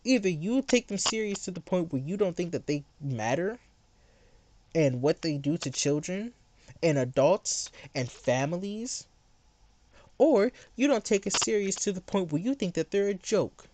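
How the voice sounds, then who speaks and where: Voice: medium pitch, lively intonation, measured pace, darkish tone, slight background noise. A livestreamer ranting late at night in a heated, sarcastic way, mocking someone in chat.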